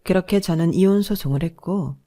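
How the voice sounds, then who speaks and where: Woman storyteller, steady scripted first-person narration. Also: lowish voice, a little fast.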